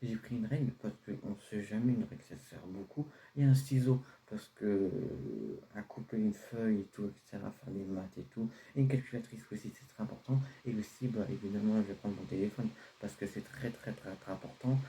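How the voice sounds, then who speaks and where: A man's voice: lowish voice, brisk, hardly any pauses, mellow, a little hiss or hum, close to an everyday voice. A man playing a carefree teenage son who defends his outfit to his father in a homemade comedy sketch, hesitant and full of fillers. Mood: casual. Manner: casual, pleading, hesitant with fillers.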